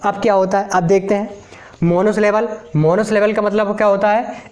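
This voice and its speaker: A male teacher slowly explains a lesson, repeating words one at a time as he writes. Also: high voice, darkish tone. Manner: slow, repetitive, drills words one at a time. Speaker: English teacher. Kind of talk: explaining a lesson while writing on a board.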